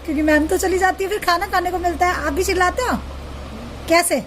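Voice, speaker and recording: A woman's voice: extremely high pitch, steady tone, quick pace, fairly bright tone, a little hiss or hum. A woman in her thirties chatting casually at home in a family vlog, often asking viewers to agree with her. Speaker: family vlogger.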